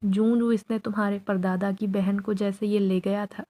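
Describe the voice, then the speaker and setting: A woman's voice: mid-range voice, level tone, mellow, natural voice. A woman voicing a fearful, protective mother in a spoken horror story. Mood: urgent.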